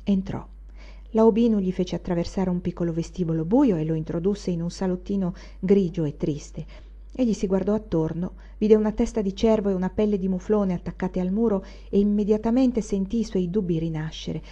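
A woman narrating a literary audiobook in a measured, expressive reading. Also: mid-range voice, highs cut off. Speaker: audiobook reader.

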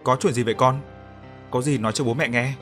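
Man reading a worried mother, anxious coaxing questions in a storybook reading, soft music behind. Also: mid-range voice, fairly even intonation, a little fast, close to an everyday voice. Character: worried mother comforting her daughter.

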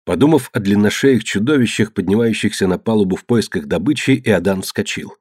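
Male audiobook narrator, measured and low, dry close recording. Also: a little mellow, breathy edge, no room sound. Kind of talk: scripted narration.

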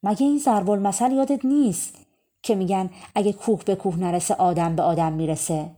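A woman's voice: medium pitch, warm tone, lightly acted. A woman voicing wild birds in a storybook, pleading earnestly for their chicks.

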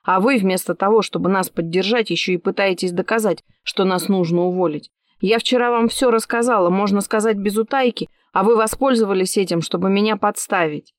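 A woman's voice: medium pitch, brisk, dry recording, studio quality, lightly acted. A woman reading an audiobook voices a young, jealous and defiant mistress who keeps raising her voice in heated protest. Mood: indignant. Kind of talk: audiobook character voice.

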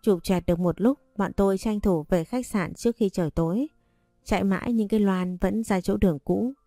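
A woman narrating a romance story in the first person, reading in an even, unhurried way. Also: medium pitch, no echo, faint music behind.

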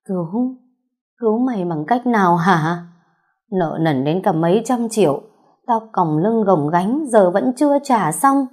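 A woman voicing an elderly grandmother, worn out and bitter, with a hoarse, husky voice, reading a story aloud. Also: lowish voice, a little slow, darkish tone. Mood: bitter scolding. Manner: scolding and lamenting. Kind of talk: audiobook storytelling.

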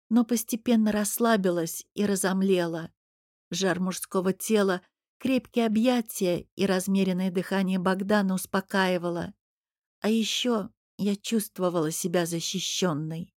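A woman narrating a romance novel in the first person with an even, measured reading. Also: medium pitch, no echo, clean studio sound. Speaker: audiobook narrator.

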